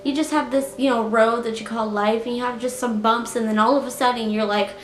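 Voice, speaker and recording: Faint music plays behind a woman in her late twenties as she chats briskly through a storytime vlog for her YouTube viewers, leaning heavily on "like" and "you know." Her somewhat high voice stays fairly even, and the room echoes.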